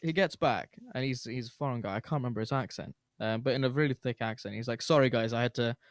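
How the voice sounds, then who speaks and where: A man's voice: medium pitch, quick pace, no echo. A young man chats casually on a podcast, wandering through his stories with plenty of fillers. His voice sits in a middle register. The sound is close and dry, with no room around it. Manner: rambling, laid-back, frequent fillers. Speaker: podcast host. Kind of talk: casual chat, storytelling.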